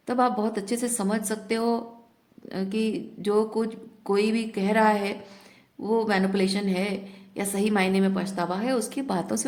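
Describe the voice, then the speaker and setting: A woman tarot reader talking reflectively in a spiritual guidance talk, often mixing in English words. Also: mid-range voice.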